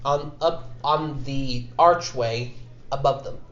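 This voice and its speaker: A game master narrating a tabletop game in a loose, laughing way, slipping into quick voices for characters. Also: mid-range voice, fairly bright tone, a little hiss or hum. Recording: dull lo-fi sound.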